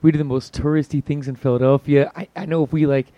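Hoarse male podcast host with a mellow tone. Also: a little high, fairly even intonation, fast, no room sound. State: hoarse, voice lost from yelling. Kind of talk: casual podcast banter and show hosting.

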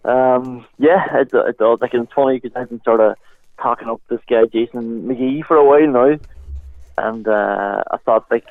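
A man's voice: medium pitch, normal speed, no echo. Through a narrow phone-like band with a dry sound, an Irish man talks sport as a pundit. His analysis is loose and chatty, full of conversational asides. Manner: conversational, peppered with "like" and "you know".

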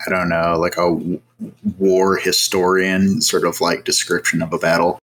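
Male podcast panelist, low voice, hesitant conversational delivery, faint noise behind. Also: level tone, moderate pace, fairly bright tone. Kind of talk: casual book discussion. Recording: slight background noise.

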